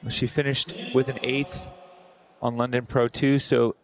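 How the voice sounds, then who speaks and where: A man's voice: mid-range voice, little pitch movement, measured pace, slight background noise. A man giving live sports commentary and analysis of competitors and workouts.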